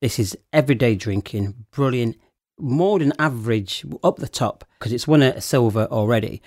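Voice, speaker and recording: A man's voice: mid-range voice, animated, normal speed, a little mellow, no room sound, clean studio sound. A man explaining wine with enthusiasm in a casual panel chat. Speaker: wine expert guest.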